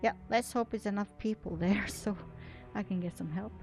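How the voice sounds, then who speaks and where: A woman hosting gaming videos reads an article aloud at normal speed with faint music behind her, adding casual commentary. Her mid-range voice is steady and a little mellow, and as a non-native English speaker she frequently trips over words and restarts.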